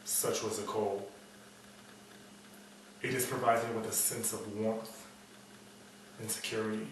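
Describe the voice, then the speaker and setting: A man's voice: lowish voice, flat delivery, unhurried, close to an everyday voice. A man playing a cynical, world-weary private investigator, muttering a bleak noir monologue in a brooding storytelling manner. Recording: echoey room, distant mic, faint noise.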